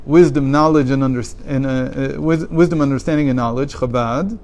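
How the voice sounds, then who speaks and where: A man's voice: mid-range voice, steady tone, a little fast, darkish tone. A man teaching a daily religious text class, reading passages aloud, translating them, and explaining them with rhetorical questions.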